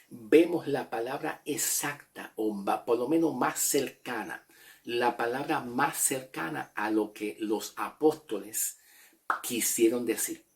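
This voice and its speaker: A man teaching a Bible lesson in Spanish, explaining Greek words slowly, repeating himself and checking in with "ok?". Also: medium pitch, creaky, a bit bright.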